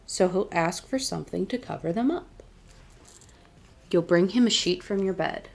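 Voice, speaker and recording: A woman reading aloud as a children's storytime host, deliberate and expressive in her delivery. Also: on the low side. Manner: clear, deliberate picture-book reading with expressive emphasis. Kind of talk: read-aloud storytime narration.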